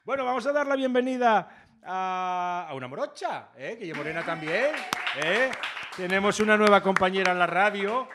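A man hosting a casual radio interview, chatty and teasing, firing quick follow-up questions. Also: high-pitched, fairly bright tone, a faint crowd, a little hiss or hum. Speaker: radio host.

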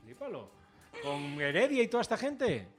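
A man's voice: on the high side, wildly swooping pitch, faint music behind. Chatty man hosting local radio. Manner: chatty, teasing, quick follow-up questions. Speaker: radio host. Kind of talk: casual radio interview.

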